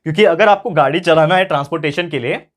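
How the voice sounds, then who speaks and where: A male tutor from India giving a classroom lecture, repeating key phrases slowly and asking his students questions. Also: on the high side. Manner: mixes English phrases into speech.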